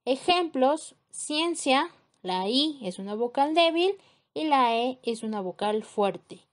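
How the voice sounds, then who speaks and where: A woman teacher explaining a grammar lesson in a measured way, spelling out examples letter by letter. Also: high-pitched, lively intonation.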